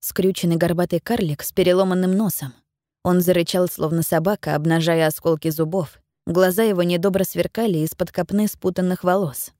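A woman narrates an audiobook in a measured, even storytelling manner. Her voice is fairly low, and the recording sounds dry and close, like a studio booth. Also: no room sound. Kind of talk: scripted narration.

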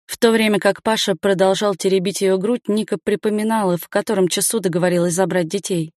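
A woman narrating a story aloud in an even, matter-of-fact reading. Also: mid-range voice, no room sound, clean studio sound. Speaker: audiobook narrator. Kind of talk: scripted narration.

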